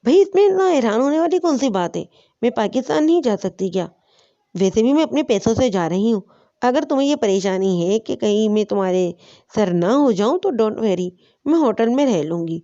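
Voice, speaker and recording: A woman's voice: on the high side, dull audio. A woman reading as a breezy, teasing young woman. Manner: lively, teasing.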